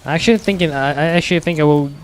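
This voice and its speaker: Halting male streamer. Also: a little high, a little hiss or hum. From Russia. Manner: reads chat aloud, halting with repeated restarts. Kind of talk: live game stream chat.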